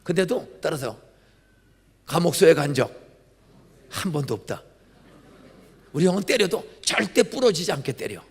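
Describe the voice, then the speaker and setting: An older man, a pastor, giving a dramatic sermon full of storytelling, acted-out dialogue and sudden loud outbursts. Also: fairly high pitch, big pitch swings, moderate pace, creaky, long pauses, breathy edge. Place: large church sanctuary. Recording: church hall reverb.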